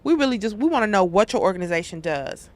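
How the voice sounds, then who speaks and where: A woman's voice: mid-range voice, sing-song, fast. A woman hosting a community radio show, interviewing her guests in an informal, conversational way.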